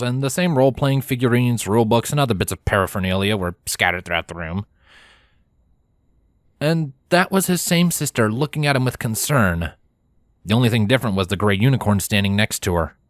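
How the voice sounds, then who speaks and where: A man reading a story aloud with steady, even narration. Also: on the low side, no echo, clean studio sound. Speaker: fanfiction reader.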